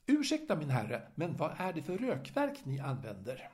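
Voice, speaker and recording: A man voicing an overly polite, inquisitive older gentleman who co-owns a restaurant. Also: fairly high pitch, huge pitch swings. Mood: curious. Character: fussy elderly male restaurant co-owner. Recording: roomy echo.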